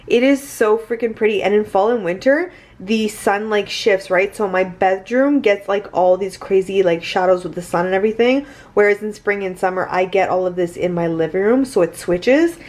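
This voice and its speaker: A woman's voice: mid-range voice, normal speed, a little mellow. Chatty young woman vlogging at home. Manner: chatty, filler-heavy with many "like"s. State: morning voice, just woke up. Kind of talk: casual vlog chat. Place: her apartment, indoors.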